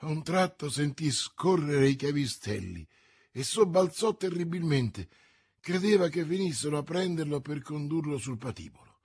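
A man reading a classic novel aloud as an audiobook, telling the story dramatically. His husky voice sits a little high and moves through a lively range. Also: normal speed. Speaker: narrator.

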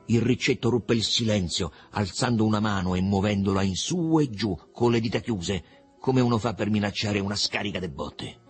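A man narrating a novel aloud with an expressive, varied delivery. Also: sits low. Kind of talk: literary audiobook reading.

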